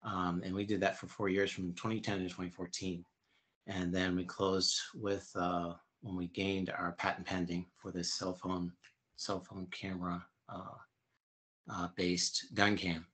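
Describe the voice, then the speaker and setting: A man in his fifties answering interview questions in a halting, explanatory way. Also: low-pitched, flat delivery, a bit bright. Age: 50s. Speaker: interview guest.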